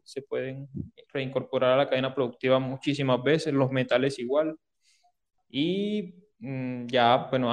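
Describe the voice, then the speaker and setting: Colombian Caribbean man, halting explanatory delivery. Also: mid-range voice. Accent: Colombian Caribbean coastal. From Córdoba, Caribbean coast of Colombia. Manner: hesitant, halting phrasing with repeated words and tag questions. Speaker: interview guest, engineer and researcher. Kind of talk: spoken interview answers, explanatory.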